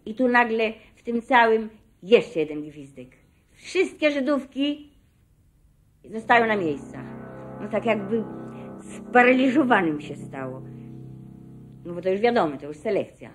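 An older woman recounting her own experiences as a witness, in a measured, reflective way that sometimes drops to a hush. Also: a little high, big pitch swings, soft background music. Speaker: survivor giving testimony. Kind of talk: spoken personal testimony.

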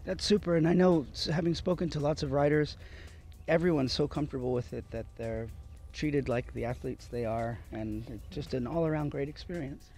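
A man's voice: a little high, normal speed, a little mellow, soft background music. A middle-aged man interviewing a guest outdoors on a farm lawn, speaking into a handheld mic in an upbeat, encouraging way. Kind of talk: on-site interview. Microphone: handheld microphone.

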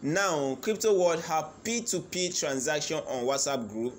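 A man's voice: fairly high pitch, animated, a little slow, slight background noise. A man with a Nigerian accent giving an informal crypto tutorial as a channel host, talking with insistent, repetitive crypto-bro hype.

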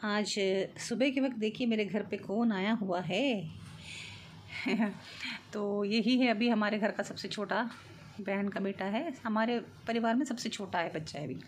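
A woman's voice: mid-range voice, unhurried. Home cooking vlogger, woman, middle-aged; friendly step-by-step chat, phone-recorded with faint noise. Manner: chatty, explains step by step, light laughs. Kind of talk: casual cooking narration. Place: home kitchen.

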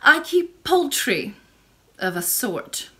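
A woman doing a soft ancient grandmother. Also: very animated, heavily acted. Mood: gentle. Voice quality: soft and low, slow. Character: gentle ancient grandmother, kind and mysterious.

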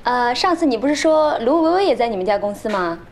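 A woman's voice: on the high side, animated, fast, a little mellow, slight background noise, natural voice. An actress in her twenties playing a pushy, gossipy young woman in a TV drama, brash and nosy. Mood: nosy, eager. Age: 20s. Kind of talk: TV drama acting. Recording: background music.

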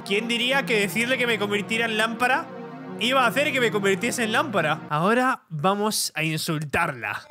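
A young man from commenting on a horror game, easily startled and repeating exclamations. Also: extremely high pitch. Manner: jumpy, reacts with frightened shouts and repeated exclamations. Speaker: gaming streamer.

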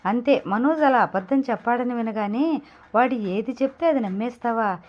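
A woman's voice: a little high, moderate pace, lightly acted. A woman doing a hot-tempered young woman. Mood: angry. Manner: curt, scolding. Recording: dull lo-fi recording.

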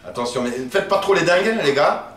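A man hosting a casual gameplay chat, excitable and teasing, swearing often. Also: high-pitched, brisk, recorded from a distance. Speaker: gaming host. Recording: roomy, from off-mic, music over.

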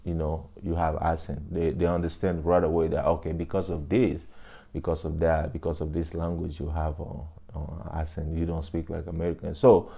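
An extremely low-pitched, mellow, creaky voice with a breathy edge and level tone comes from an African vlogger in his thirties, speaking at normal speed. Raised on a local African language and then French, he casually encourages viewers on camera, saying "you know" often, from a couch in a small room on a lapel mic.

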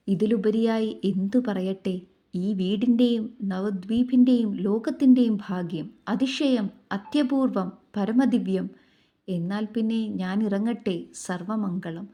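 A woman's voice: mid-range voice, warm tone. A woman voicing an elderly male Brahmin astrologer who makes solemn, reverent pronouncements in a devotional story.

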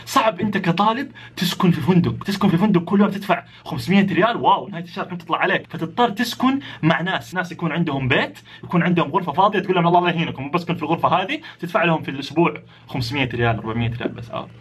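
A man with a Saudi accent telling a comic personal story to his viewers in an animated, jokey way. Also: fairly high pitch, racing, husky. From Saudi Arabia. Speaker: vlogger storyteller.

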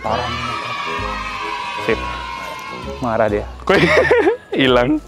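A man chatting excitably to viewers while handling and feeding a pet, talking outdoors. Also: medium pitch, a little fast, music in the background, a crowd in the background. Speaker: animal vlogger. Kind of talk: casual vlog chatter.

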